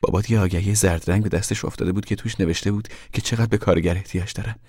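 A man's voice: sits low, fairly even intonation, a little mellow, slightly rough, no echo, studio quality. An actor voicing a weary, practical farm mother in a radio drama, talking in an earnest, plain way. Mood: reasoning.

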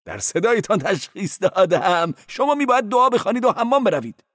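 A man's voice: high-pitched, lively intonation, fairly bright tone, dry recording, clean studio sound, voice pushed up. A man voicing a meddlesome male church porter who giggles, gushes and lectures in a sly way. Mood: preachy, effusive.

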